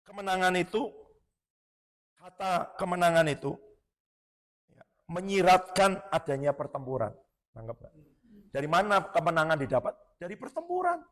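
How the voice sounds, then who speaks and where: A man's voice: high voice, sing-song, moderate pace, long pauses, fairly bright tone. A middle-aged man from Indonesia, a pastor giving a casual, conversational sermon and asking the congregation rhetorical questions. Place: church worship hall. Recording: long hall reverb.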